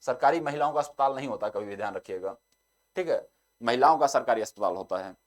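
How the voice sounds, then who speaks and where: A young man teaching an exam-prep lesson. He keeps repeating the same short filler and reads each example sentence slowly. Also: mid-range voice, animated.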